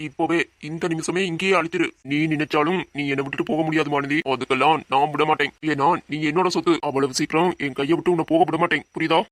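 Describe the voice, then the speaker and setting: A man's voice: a little high, fairly even intonation, quick pace, few pauses, a bit bright, dry recording, close to an everyday voice. A man voicing a possessive, hot-tempered young husband in a cartoon, scolding and domineering. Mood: angry. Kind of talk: cartoon voice acting.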